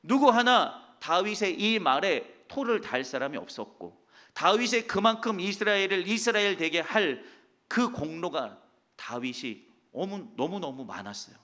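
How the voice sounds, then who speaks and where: A man pastor preaching a Sunday sermon in a church, emphatic, swinging between loud declarations and hushed asides. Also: high-pitched, lively intonation, a little slow. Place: church sanctuary.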